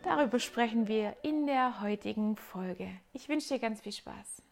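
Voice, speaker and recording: A woman's voice: on the high side, a little slow, vocal fry, faint music behind. A woman hosting a podcast interview, greeting her guest with enthusiastic, friendly talk. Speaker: podcast host.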